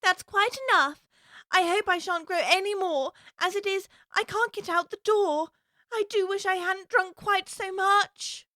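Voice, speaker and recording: A woman's voice: extremely high pitch, measured pace, bright, forceful tone, dry recording, heavily acted. A woman playing Alice, a curious young girl chattering away to herself in a prim, wondering way, for a full-cast audiobook. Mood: alarmed.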